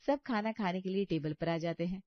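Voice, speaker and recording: A woman narrating a scripted family story in an even storytelling manner, on a dull, lo-fi recording. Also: on the low side, fairly quick, no echo. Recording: dull lo-fi sound.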